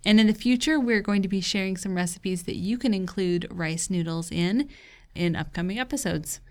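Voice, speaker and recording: A woman's voice: medium pitch, moderate pace. A woman hosting a hiking podcast with a playful, teasing edge. She walks through her segments step by step in a chatty, conversational way. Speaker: podcast co-host. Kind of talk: casual chat and show segments.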